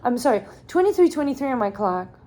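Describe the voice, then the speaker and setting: A woman's voice: on the high side, big pitch swings, fast, mellow. A young woman doing a channeled tarot reading in a casual, blunt way, full of "like" fillers and swearing. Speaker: tarot reader.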